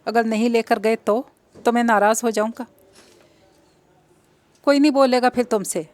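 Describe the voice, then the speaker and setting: A woman's voice: a little high, steady tone, normal speed, a little mellow, no room sound, natural voice. A woman voicing a simple-minded young man who talks like a child and pleads through tears. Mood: tearful.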